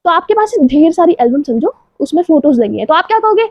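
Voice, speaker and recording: Female English teacher, high pitch, drills phrases slowly, frequent comprehension checks, dry lo-fi sound. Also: very animated, a little mellow, no room sound. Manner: repeats "clear?" and drills slow model sentences. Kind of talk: spoken English lesson.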